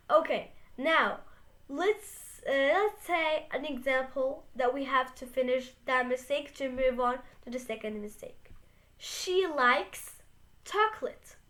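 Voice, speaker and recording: A young woman hosting a beginner lesson, speaking slowly and carefully and stressing the example words. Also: high voice, a bit bright. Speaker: English teacher, channel host.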